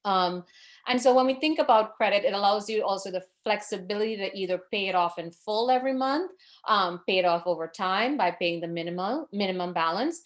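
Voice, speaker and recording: A woman in her forties from Trinidad talks a little fast in a medium-pitched voice while presenting a financial education webinar via video call. She sounds earnest and advising, with fillers and self-corrections along the way.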